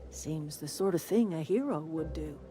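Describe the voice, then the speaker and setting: An actress plays a proud old settlement matriarch in a video game, her voice pitched low. She is folksy and dry, with a sharp, defiant tongue, and music plays prominently behind her. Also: moderate pace, lightly acted. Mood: defiant, persuasive. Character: proud, defiant old grandmother leading a settlement, wryly sardonic.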